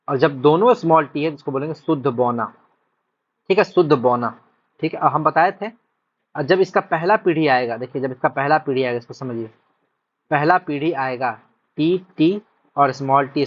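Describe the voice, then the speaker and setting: A male teacher, explaining a lesson step by step, repeating points and often asking whether students have understood. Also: fairly high pitch. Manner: repetitive, checks understanding often. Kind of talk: whiteboard-style lesson explanation. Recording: dull lo-fi recording.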